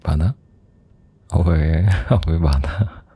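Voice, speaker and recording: Very deep, husky boyfriend ASMR role-play. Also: male voice, slow pace. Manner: soft, intimate, teasing, chuckling. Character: teasing, doting boyfriend on a late call. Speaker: ASMR performer playing a boyfriend. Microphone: close microphone.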